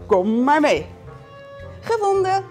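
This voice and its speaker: A woman voicing a helpful, eager male squirrel in a picture book read aloud, brisk and reassuring. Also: high voice, very animated, darkish tone, faint music behind, heavily acted.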